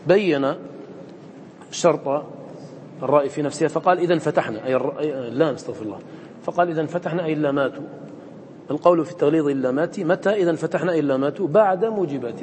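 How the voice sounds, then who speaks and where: A man's voice: on the high side, darkish tone. A man teaching a recitation lesson, explaining step by step and quizzing his students with short questions. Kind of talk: classroom lesson explaining a poem. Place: lecture room with students. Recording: echoey hall with faint noise.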